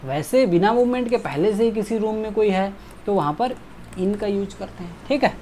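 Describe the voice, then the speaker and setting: A man teaching an exam-prep grammar lesson, reading example sentences slowly and drawn out and checking in often with short asides. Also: high-pitched, mellow, slight background noise.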